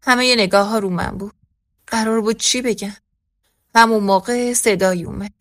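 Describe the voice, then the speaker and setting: A woman reading a first-person story aloud as scripted narration, voicing every character in the same even narrating voice. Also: medium pitch, no echo, studio quality.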